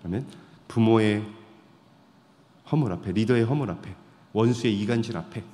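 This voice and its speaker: A man preaching a sermon as pastor, firing rhetorical questions at the congregation and swinging between loud and quiet. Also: fairly low pitch, normal speed. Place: church sanctuary. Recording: long hall reverb.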